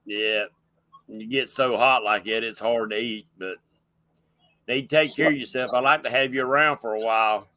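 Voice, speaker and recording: A man's voice: mid-range voice, fairly even intonation, normal speed, sharp tone, no room sound. A man hosting a casual livestream chat show, folksy and rambling as he welcomes people in. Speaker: show host.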